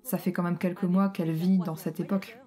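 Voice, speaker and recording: A woman co-hosting an audio commentary in casual chat, talking softly and explaining the jokes with easy laughter. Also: little pitch movement. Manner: deliberately soft, low-volume talk.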